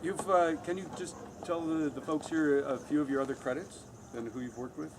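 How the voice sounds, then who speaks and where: A man's voice: a little high, steady tone, a little fast. Eager male panel moderator, noisy room. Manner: enthusiastic, fan-like, introducing guests. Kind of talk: convention panel Q&A.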